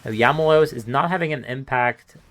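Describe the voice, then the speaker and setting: A man's voice: mid-range voice, fairly quick, fairly bright tone. A man doing live solo esports commentary, analytical and musing, chuckling between thoughts, his voice wearing thin. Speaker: esports caster.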